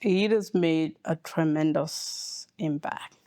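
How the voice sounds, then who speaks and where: Slow, measured woman from Cameroon. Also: low-pitched, warm tone, no echo. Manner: slow, measured explanations with pauses. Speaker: hematologist oncologist guest. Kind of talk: podcast interview.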